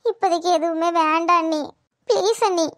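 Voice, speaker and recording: Woman doing a very high-pitched, tearful young woman, pleading, Tirunelveli Tamil accent, cartoon voice, dry close sound. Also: a little fast, no room sound. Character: tearful frightened young unmarried woman in love. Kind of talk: cartoon voice acting.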